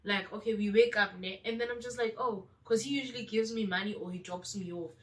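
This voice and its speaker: A woman's voice: mid-range voice, brisk, recorded from a distance. A woman with a South African accent telling a casual storytime vlog, chatty and mixing in local slang. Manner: chatty, mixes local slang into her speech. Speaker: vlogger.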